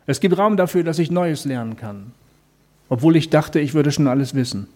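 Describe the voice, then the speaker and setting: Mellow-voiced man giving a faith talk. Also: on the high side, normal speed. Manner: explains calmly, speaks directly to the listener; asks rhetorical questions.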